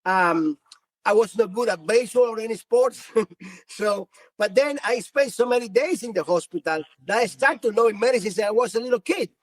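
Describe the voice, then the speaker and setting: High-voiced man with a Cuban Spanish accent. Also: animated, no echo. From Cuba. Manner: earnest, halting with many restarts. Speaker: physician guest. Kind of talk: podcast interview.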